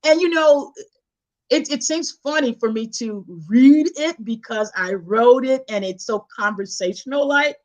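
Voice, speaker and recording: A woman's voice: high-pitched, a little slow. A woman author as a guest in a casual interview, telling stories in a chatty, conversational way. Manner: chatty, conversational, animated storyteller.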